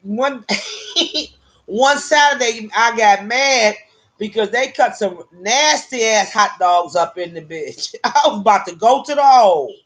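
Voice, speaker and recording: A woman's voice: fairly high pitch, a little slow. A woman casually telling a personal story, profane and laughing often between lines. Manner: animated, with vernacular grammar.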